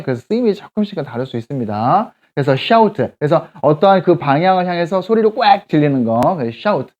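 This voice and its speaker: Brief: patient man teaching children, animated pitch, muffled lo-fi sound. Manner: patient, explains slowly, checks in often with the kids. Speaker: children's church English teacher. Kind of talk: explaining Bible verses to children.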